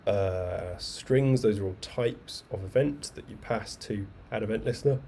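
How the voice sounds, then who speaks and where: A man teaching a live online coding class, explaining step by step in a relaxed, chatty way with asides and fillers. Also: lowish voice, measured pace, gravelly. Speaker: coding bootcamp instructor. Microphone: webcam video call mic. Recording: faint background noise.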